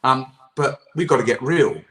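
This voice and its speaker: A man's voice: medium pitch, sing-song, moderate pace, fairly bright tone, a little hiss or hum, low-quality recording. A man, the chair of a political campaign group, answering interview questions earnestly over a video call, restarting his sentences and often trailing off with "et cetera".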